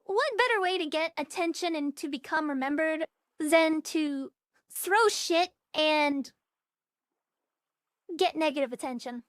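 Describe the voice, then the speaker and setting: A woman's voice: sits high, a little slow, long pauses, a bit bright, no room sound, clean studio sound. A young woman streaming live, talking casually in a blunt, profane, scattered way through a voice changer set to a more natural tone. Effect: voice changer turned down to a more natural tone. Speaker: VTuber streamer. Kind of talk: casual livestream chat.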